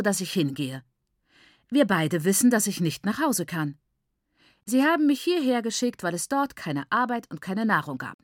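A woman's voice: medium pitch, no echo, studio quality. A woman voicing a bold, untameable young woman who speaks out in a spirited, mocking way. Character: bold defiant young woman, sharp-tongued.

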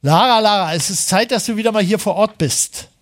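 A middle-aged man hosting a call-in radio show in a joking, chatty way, quick to tease. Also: high-pitched. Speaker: radio host. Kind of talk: casual call-in radio chat.

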